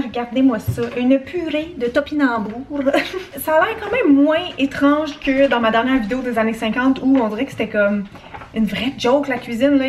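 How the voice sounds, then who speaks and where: A woman's voice: on the high side, a little hiss or hum. Bubbly Québécois woman vlogger. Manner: bubbly, sprinkles English words into French. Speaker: vlogger host. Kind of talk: casual vlog chat.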